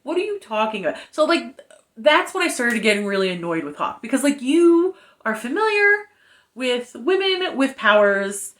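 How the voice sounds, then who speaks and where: A young adult woman giving a casual book review, retelling the story in an animated, chatty way full of fillers. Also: a little high, a little slow.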